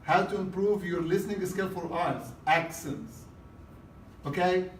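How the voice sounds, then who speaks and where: Teacher lecturing in an echoey classroom. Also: male voice, high voice, expressive, unhurried, a little hiss or hum. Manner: repetitive, checks in with "okay?". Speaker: exam prep teacher. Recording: roomy classroom from a distance.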